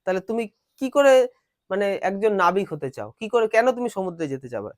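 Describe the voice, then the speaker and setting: A male teacher giving a classroom lesson. He reads English lines slowly, then explains them and quizzes his students. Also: high-pitched, very animated, dry recording, studio quality.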